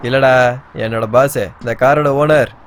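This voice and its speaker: An actor playing a rough male driver who drinks and mocks, gruff and scolding in dubbed film dialogue. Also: mid-range voice, fairly even intonation, normal speed, a little hiss or hum, close to an everyday voice. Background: film score music.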